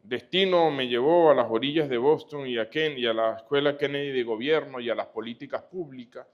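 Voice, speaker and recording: A man from Venezuela giving a formal lecture as guest speaker, courteous and often pausing on "eh". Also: medium pitch. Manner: courteous, with frequent "eh" hesitations. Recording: dull lo-fi sound.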